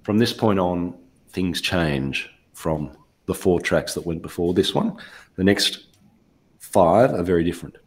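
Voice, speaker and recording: Male host, lowish voice, measured explanatory album review. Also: expressive. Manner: measured, explanatory, steers the discussion. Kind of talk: casual music review chat.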